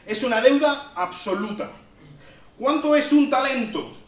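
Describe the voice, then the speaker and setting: A man's voice: very high-pitched, lively intonation, unhurried. A man from Spain preaching a sermon in a conversational way that rises to emphatic peaks. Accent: Spanish from Spain. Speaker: pastor. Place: church hall. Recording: echoey church sound from a distance.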